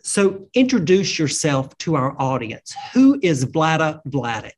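A man's voice: on the high side, very animated, unhurried. Polished male TV host. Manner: polished, announcer-like. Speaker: TV program host. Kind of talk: scripted studio interview. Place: TV studio.

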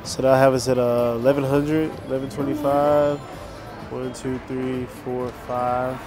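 A man with a mid-pitched voice talks slowly as he gambles at a craps table. He counts chips out loud and repeats short phrases to root for numbers. Music plays clearly behind him. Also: little pitch movement. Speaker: craps player.

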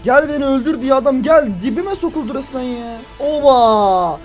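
A man hosting a gaming video, commenting excitedly on his play, shouting and groaning at the game and tossing mock insults at opponents. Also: extremely high pitch, normal speed, faint music behind.

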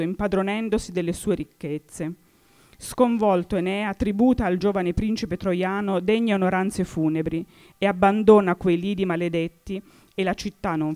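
Measured woman reading a formal text. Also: medium pitch, a little mellow. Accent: Italian. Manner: measured, slows on quoted verses. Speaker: reader of an introduction.

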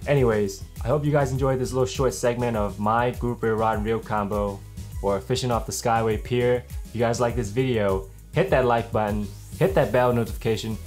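A young man vlogging casually to camera, chatty and relaxed, often tossing in "man". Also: medium pitch, brisk, soft background music. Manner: laid-back, chatty, says "man" a lot. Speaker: fishing vlogger. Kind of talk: casual gear talk to camera. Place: small indoor room with blue wall. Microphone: camera-mounted shotgun mic.

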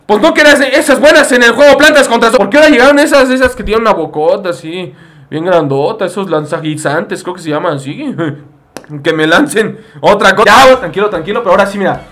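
A man's voice: sits high, animated, fast talker, fairly bright tone. A young man with a Mexican Spanish accent, joking and rambling through a running commentary as he plays a mobile game. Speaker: gaming video creator. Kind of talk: playing a mobile game on camera.

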